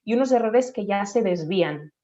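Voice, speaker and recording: A woman's voice: medium pitch, expressive, normal speed, warm tone. Patient, methodical female expert; dull, lo-fi recording. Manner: patient, methodical explaining, demonstrates sounds aloud. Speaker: speech therapist guest. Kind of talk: explanatory interview talk. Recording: dull lo-fi audio.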